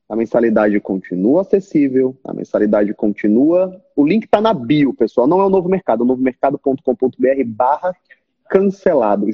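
A Brazilian man who runs an online course, talking to his subscribers on a live stream in a lively, direct way. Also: fairly high pitch, slightly rough, highs cut off. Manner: animated, talks straight at viewers, mimics complaining students.

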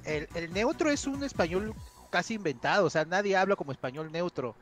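A man's voice: high-pitched, animated, fairly quick, a bit bright, soft background music. A man co-hosting a casual gaming podcast, talking eagerly and explaining things. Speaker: podcast co-host.

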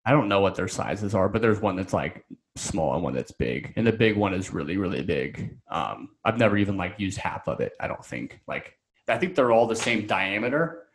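A man's voice: sits low, sing-song, normal speed. A man guest on a podcast, talking casually and rambling with many fillers and restarts. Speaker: coaching client guest.

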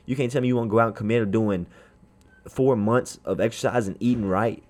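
A man's voice: on the low side, fast, a little mellow. A man hosting a motivational podcast, speaking straight to the listener in an emphatic, repetitive, colloquial way. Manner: informal, colloquial phrasing. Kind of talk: motivational speech.

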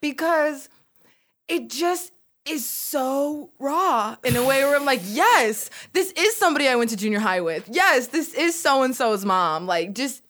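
A woman from Utah, a podcast guest in casual chat, bubbly and playful with lots of shout-outs. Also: high voice, expressive, unhurried.

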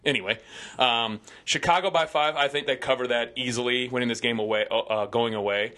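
A Midwestern American man co-hosts a sports podcast, running through his weekly picks with easygoing confidence. His voice is bright and forward, recorded close on a studio microphone. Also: mid-range voice, a little fast. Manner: confident, chatty betting analysis. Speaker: podcast co-host giving football picks. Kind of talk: casual sports podcast banter.

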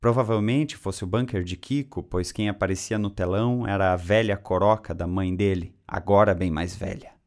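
A man reading a story aloud in a steady, even way. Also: deep voice, normal speed, hardly any pauses. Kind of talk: reading fan fiction aloud.

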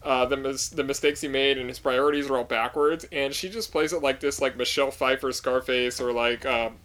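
A man's voice: medium pitch, fairly even intonation, brisk, fairly bright tone. A man co-hosting a podcast, giving a casual, rambling film review full of fillers. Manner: rambling, many fillers and likes. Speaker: podcast co-host. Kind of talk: casual movie review chat.

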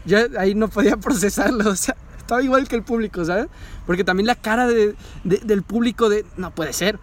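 High-voiced, excitable man. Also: fairly quick. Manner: animated, excitable, swearing freely. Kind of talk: casual chat recapping an anime.

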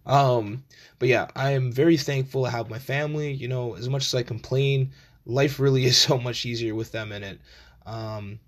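A man's voice: medium pitch, fairly even intonation, normal speed. A man, hosting a solo podcast in an informal, meandering, slangy way. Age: 20s. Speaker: podcast host. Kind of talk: casual rambling solo chat.

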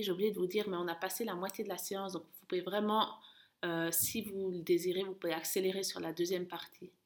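A woman working as a running coach, guiding an interval session with urging, encouraging calls and countdowns in a creaky voice. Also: medium pitch. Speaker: running coach and podcast host. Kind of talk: guided interval-training coaching. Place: at home, indoors.

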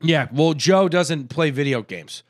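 A man's voice: on the high side, measured pace, no echo, studio quality. A man who does stand-up comedy, a podcast guest telling profane, jokey stories in casual chat.

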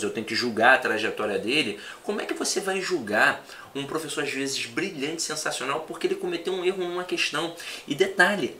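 A man who teaches for exam prep, chatting in a relaxed conversation and telling animated stories. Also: mid-range voice, a little hiss or hum. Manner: animated storyteller, acts out quoted students. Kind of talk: casual podcast conversation.

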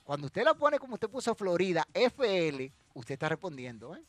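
A high-pitched man runs a trivia stream. He talks in a lively, swooping way and teases viewers as he reads their answers. Faint music plays behind him. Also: normal speed, no echo. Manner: animated, teasing, answers chat directly. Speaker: livestream host running a wrestling trivia quiz. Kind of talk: casual live chat reading viewer comments.

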